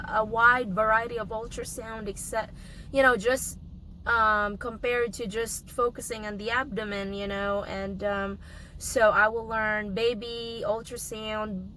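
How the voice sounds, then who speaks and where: Young woman, sick and hoarse, slow unhurried vlog chatter, slightly high voice, faint room hum behind. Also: pushed and bright, rough recording. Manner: halting, many ums and restarts. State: hoarse from a cold, coughing. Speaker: vlogger. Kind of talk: casual vlog update.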